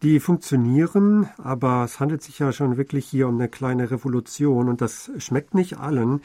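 A man co-hosting a radio talk program with a mellow, dark tone. He explains in a fluent and measured way, at a middle pitch. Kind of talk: conversational explaining.

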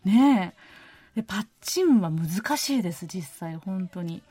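A woman's voice: mid-range voice, lively intonation, unhurried, dark tone, slightly rough, no echo. A woman hosting a radio show, chatting in a friendly, easygoing way and reading listener letters in a studio. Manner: friendly, chatty, uses many fillers. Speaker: radio host.

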